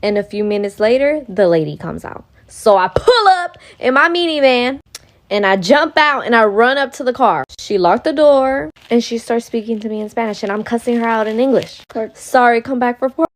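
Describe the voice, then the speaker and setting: A woman's voice: a little high, expressive, moderate pace. A woman in her twenties telling a story casually in parts, heated and candid, swearing freely and acting out the lines people said. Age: 20s. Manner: candid, heated retelling with frequent profanity; acts out quoted dialogue. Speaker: storytime creator.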